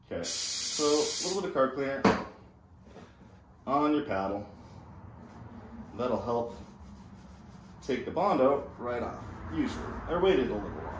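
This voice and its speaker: A man in his thirties talks through a repair job in a casual, self-deprecating way. His pitch is lively and varied. He is recorded a few feet from the camera in a garage with faint noise. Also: echoey room. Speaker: DIY car restoration host. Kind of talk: casual hands-on tutorial chat. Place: home garage, indoors. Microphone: camera a few feet away. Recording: noisy garage ambience.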